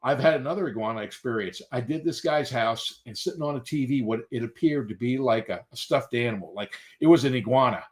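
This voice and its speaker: A middle-aged man talks casually on a live stream and spins rambling work stories. He pauses often and restarts his sentences. His voice sits in a middling pitch. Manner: rambling, animated anecdotes with hesitations. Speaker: tile and grout cleaner, owner-operator.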